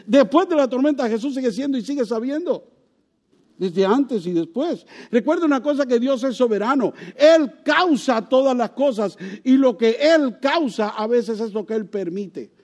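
A male pastor preaching a sermon, throwing rhetorical questions to the congregation and swinging widely in pitch and loudness for emphasis.

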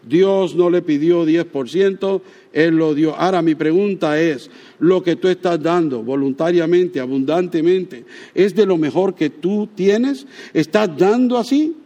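A male preacher delivers a sermon with an emphatic, questioning manner, pausing to ask the congregation rhetorical questions. His voice sits high for a man, and he slows down to stress key words. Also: dark tone.

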